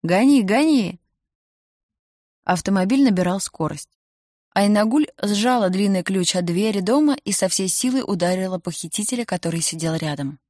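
A woman narrating an audiobook in a measured, even reading voice. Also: medium pitch, dry recording, studio quality.

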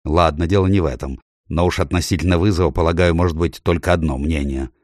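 A man's voice: low-pitched, quick pace, a little mellow, dry recording, studio quality, close to an everyday voice. A man reading an audiobook, voicing a middle-aged usurper king who barks indignantly at his lords. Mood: scornful. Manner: barking, indignant.

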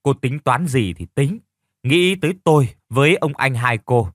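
A man voicing a sharp-tongued, worried middle-aged woman who scolds loudly. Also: mid-range voice, animated, unhurried, no room sound, clean studio sound. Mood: alarmed. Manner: scolding, alarmed.

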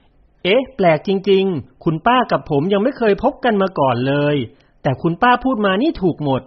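A man's voice: high voice, sing-song, normal speed, husky, voice pushed up, full character voice. A man voicing a polite, cheerful young man speaking eagerly on the phone in a storybook reading. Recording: dull lo-fi recording.

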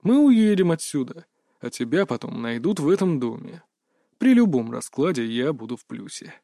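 A man voicing a calm, mocking male kidnapper boss who talks with quiet menace. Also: a little high, moderate pace, gravelly, dry recording, clean studio sound. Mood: menacing.

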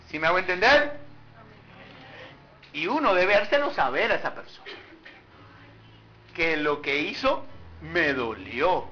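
High, animated bright-voiced preacher. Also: male voice. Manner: animated preaching, rhetorical questions to the congregation. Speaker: pastor. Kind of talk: sermon. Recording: muffled recording with faint background noise.

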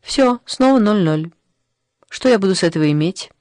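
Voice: medium pitch, expressive, moderate pace, a little mellow, no echo, studio quality, natural voice. An audiobook reader voicing a cheeky, flirtatious woman journalist with a teasing, bargaining manner.

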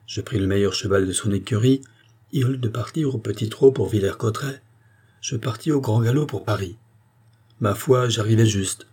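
A man voicing an angry, vengeful guardsman who recounts his ride with fierce conviction, in a husky voice. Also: fairly low pitch, moderate pace, a little mellow. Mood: determined. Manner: fierce, vehement storytelling.

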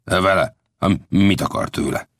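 A man's voice: sits low, dry recording, studio quality. A man voicing a cautious, widowed middle-aged blacksmith in an audiobook, earnest and warning. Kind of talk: audiobook character voice.

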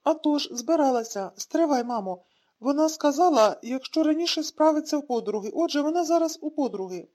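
A woman's voice: high-pitched, expressive, brisk, dark tone. A woman reading an audiobook, voicing a young father who puts on forced cheerfulness to hide his worry. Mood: forced cheer.

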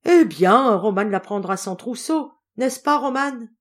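A hearty, blustering old general, a doting grandfather who speaks up loudly and warmly, as a woman reader puts him on. His voice rides higher and louder than the storyteller's own. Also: animated, measured pace. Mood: impatient.

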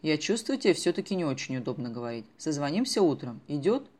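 A woman voicing an excited teenage boy who talks briskly on the phone in an audiobook. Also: deep voice. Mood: conspiratorial.

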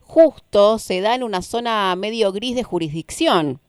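An Argentine woman hosting a radio interview, speaking in a thoughtful, wry, measured way. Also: mid-range voice, lively intonation, clean tone, no room sound, clean studio sound. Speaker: radio host.

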